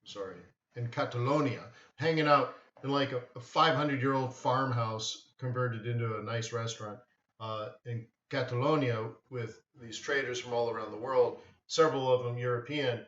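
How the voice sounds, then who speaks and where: A man's voice: medium pitch, moderate pace, muffled recording. Rambling man, roomy distant sound. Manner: rambling, storytelling, animated with acted quotes. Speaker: forex trading livestream host. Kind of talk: casual live-stream chat.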